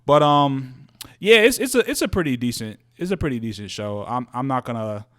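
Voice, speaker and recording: A man's voice: medium pitch, very animated, brisk. A young guy rambling on a podcast, cussing, laughing, retelling comedy sketches, ordinary mid-range voice. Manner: loose, profane storytelling that slips into quoted voices; laughs often while talking. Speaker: podcast co-host. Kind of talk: casual chat.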